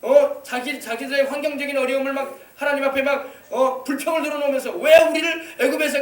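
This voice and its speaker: A man's voice: very high-pitched, flat delivery, fast talker. A male pastor preaching an emphatic sermon, exhorting the congregation with rhetorical questions. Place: church sanctuary. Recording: echoey church hall, mic at a distance.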